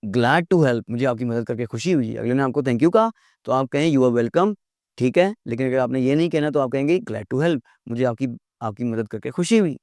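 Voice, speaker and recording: A middle-aged man gives an English lesson in an earnest way, going over words again and again so they stick. His voice sits at an ordinary pitch. The sound is dry and close, with no room around it. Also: animated, normal speed, darkish tone, dry recording. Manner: earnest, repeats words for drill. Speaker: teacher.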